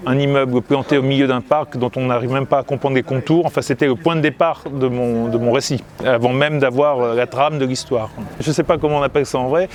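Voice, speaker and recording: A man, a comic book artist, chats casually while strolling outdoors, pausing often with fillers and restarts. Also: mid-range voice, darkish tone. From Italy and Grenoble, France. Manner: hesitant, many fillers and restarts. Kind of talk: casual walking chat to camera. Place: outdoors, seaside town streets and ramparts.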